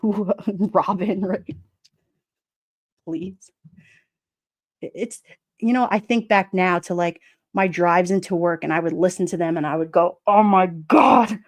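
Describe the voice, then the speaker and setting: A middle-aged woman with a New York accent, casually chatting on a livestream, sassy and quick to laugh. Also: fairly low pitch, steady tone. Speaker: livestream host reading chat. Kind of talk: casual chat.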